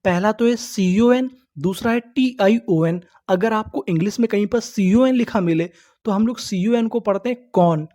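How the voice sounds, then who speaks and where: Teacher drilling words letter by letter. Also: male voice, high-pitched, dark tone. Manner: asks questions and answers them himself; sounds words out slowly, letter by letter. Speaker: English reading teacher. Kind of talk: online classroom lesson.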